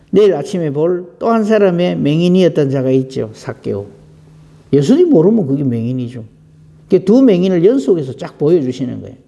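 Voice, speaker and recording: A woman pastor delivers an early-morning sermon, her mellow voice rising and falling with rhetorical questions. The sound carries the long reverb of a church sanctuary. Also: low voice. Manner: animated, rhetorical questions, acts out quotes.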